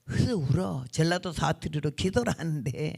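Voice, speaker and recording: A woman in her seventies preaches a revival sermon, telling her own story in a blunt, folksy, vivid way. Her voice is gravelly and carries a good deal of fry. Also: low voice, expressive, normal speed, a little mellow.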